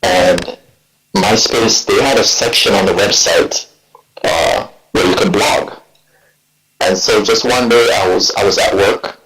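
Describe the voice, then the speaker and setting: A man in his forties from Jamaica, speaking with a Jamaican accent, telling his story as a guest poet in a reflective, halting way. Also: on the low side, fairly even intonation, fairly bright tone, faint music behind. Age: 40s. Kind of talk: relaxed interview talk. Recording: echoey room.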